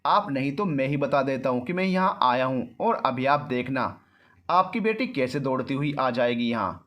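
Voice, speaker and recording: A man's voice: mid-range voice, lively intonation, normal speed, fairly bright tone, natural voice. A man voicing an arrogant, controlling young man in a storybook reading, rude and mocking. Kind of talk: storybook narration.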